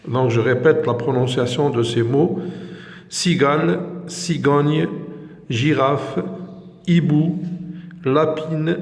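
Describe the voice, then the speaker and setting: A man teaching vocabulary, pronouncing each word slowly and carefully and then repeating it with its article. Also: mid-range voice, darkish tone. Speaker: language teacher. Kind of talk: vocabulary lesson, word-by-word pronunciation drill. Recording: echoey room with long reverb.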